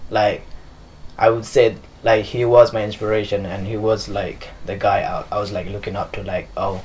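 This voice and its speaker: The voice is a man's, on the low side and darkish, with little pitch movement at a normal speed, captured in a rough recording. He's a young Nepali dancer and choreographer sitting in a living room with leather sofas, answering interview questions loosely with lots of fillers.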